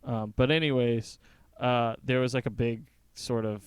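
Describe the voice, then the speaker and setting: A man's voice: mid-range voice, fairly even intonation, a little slow, smooth, no echo, studio quality. A man co-hosting a casual podcast, explaining things at length with frequent fillers. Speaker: podcast co-host. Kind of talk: casual chat.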